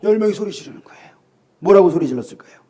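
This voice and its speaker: A male pastor with a Gyeongsang Korean accent preaching a sermon, telling the story with animated acted quotes and questions to the congregation. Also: sits high, racing.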